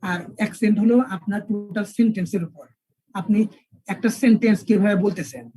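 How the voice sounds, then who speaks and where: A male English teacher, lecturing an online class and spelling words out slowly with repeated examples. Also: high voice, fairly even intonation, warm tone, soft background music, low-quality recording.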